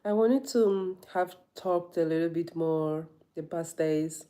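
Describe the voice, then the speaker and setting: A woman yoga teacher in a casual live vlog, talking reflectively in a thoughtful, halting way as she searches for words. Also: on the low side, dark tone.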